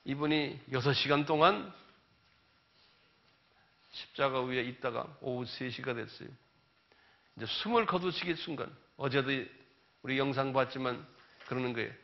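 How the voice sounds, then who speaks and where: A male pastor preaching a seminar sermon, telling the story dramatically and loudly acting out the voices of the people in it. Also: fairly high pitch. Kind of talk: sermon lecture. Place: church or seminar hall. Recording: dull lo-fi recording.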